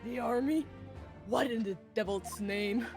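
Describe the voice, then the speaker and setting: A woman voicing a pompous older male judge, reading game lines in a slow, formal manner. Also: on the high side, over music. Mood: flustered. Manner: stately, formal, slowed delivery. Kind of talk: voice-acting a game script.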